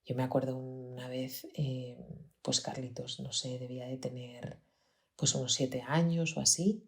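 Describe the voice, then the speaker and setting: Deep-voiced Spanish woman telling a story. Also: flat delivery, measured pace. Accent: Peninsular Spanish. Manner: reflective, earnest, often drops to a near-whisper. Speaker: podcast host, pediatrician. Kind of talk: personal storytelling podcast.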